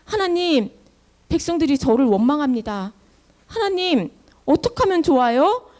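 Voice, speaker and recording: A woman doing a soft-spoken, worried leader. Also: high voice, very animated, moderate pace. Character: troubled humble male leader pleading with God.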